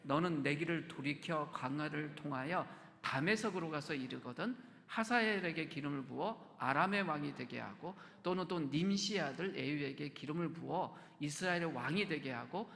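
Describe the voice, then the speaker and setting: Gravelly, bright-toned man preaching in a hall. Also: fairly high pitch. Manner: conversational preaching, asks the congregation questions, drops to soft whispers. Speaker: pastor. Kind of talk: sermon. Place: church sanctuary.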